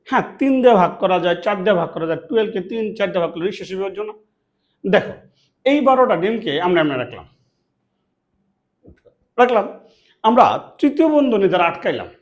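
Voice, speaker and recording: A man from Bangladesh, teaching a classroom math lesson, asking questions and answering them himself. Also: high-pitched. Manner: asks and answers his own questions, repeats key words.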